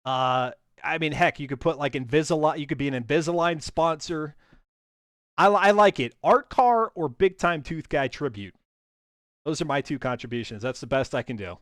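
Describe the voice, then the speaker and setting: A man's voice: fairly high pitch, normal speed, a bit bright, no room sound, studio quality. A man hosting a racing stream, chatting casually and joking, often restarting his sentences and laughing. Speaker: stream host.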